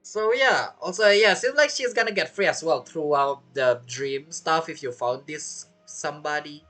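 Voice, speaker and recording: Over faint background music, a woman offers casual let's-play commentary on a playthrough, musing aloud with offhand reactions and guesses. Her voice is low and a bit bright, at a moderate pace.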